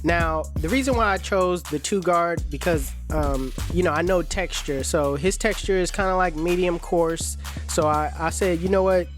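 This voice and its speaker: A man's voice: on the high side, moderate pace, hardly any pauses. A man who is a barber hosts a casual haircut tutorial, talking in a laid-back, slangy, chatty way in his shop. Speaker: barber and channel host. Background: music.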